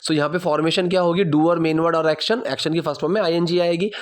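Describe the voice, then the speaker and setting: A man with an Indian accent explaining English in a casual lesson, saying example sentences slowly and checking in with his listeners often. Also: fairly high pitch, steady tone. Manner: slow, careful model phrases; checks in often with "theek hai?". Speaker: English teacher.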